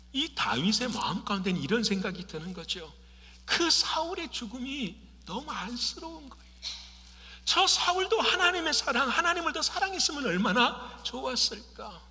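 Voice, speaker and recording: A middle-aged man preaches from the pulpit in a high, sharply bright voice that rises and falls widely. He poses questions and answers them, sometimes sinking to a hushed whisper. His voice carries a long reverb, as in a large church hall. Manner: animated preaching, rhetorical questions with answers, swings from loud to hushed. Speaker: pastor. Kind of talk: sermon. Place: church sanctuary.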